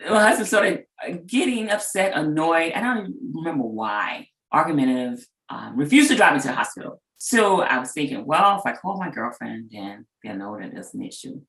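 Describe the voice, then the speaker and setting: Woman, middle-aged, low voice with wide swings, earnest storyteller; roomy recording. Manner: earnest, animated storytelling, acting out quoted voices. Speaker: speaker sharing a personal story. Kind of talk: personal storytelling talk. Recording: echoey room.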